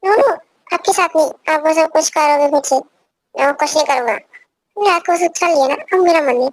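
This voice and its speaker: A woman's voice: high-pitched, moderate pace, no room sound, natural voice, rough recording. Woman voicing a timid, pleading innocent young man. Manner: pleading, plaintive. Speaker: fan dub voice actor. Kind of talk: amateur fan dub.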